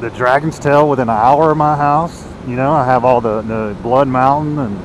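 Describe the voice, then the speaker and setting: A man's voice: medium pitch, moderate pace. Man motovlogging from inside his helmet. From United States. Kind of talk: casual rambling vlog while riding. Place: outdoors, riding a motorcycle on the road. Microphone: inside a motorcycle helmet. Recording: noisy helmet mic with vehicle noise. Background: engine and road noise.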